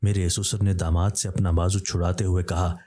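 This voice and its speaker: A man's voice: low-pitched, level tone, normal speed, dark tone. A man narrating a scripted horror story, speaking steadily and voicing each character in his own plain voice.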